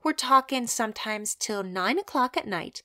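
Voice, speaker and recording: A woman's voice: a little high, lively intonation, normal speed, sharp tone, no room sound, studio quality. A woman voicing a small, poor, defiant woman who boasts boldly. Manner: bold, boastful calling out.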